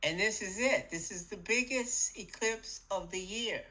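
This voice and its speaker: A middle-aged woman hosting a spiritual podcast, talking in a casual, animated way, acting out little voices and laughing often. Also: medium pitch, unhurried, poor audio. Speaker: podcast host.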